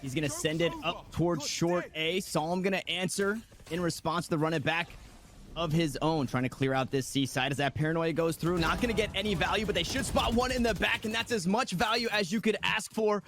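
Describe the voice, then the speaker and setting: A man's voice: a little high, fairly even intonation, brisk. A man working as an esports caster, giving running play-by-play commentary in clipped phrases.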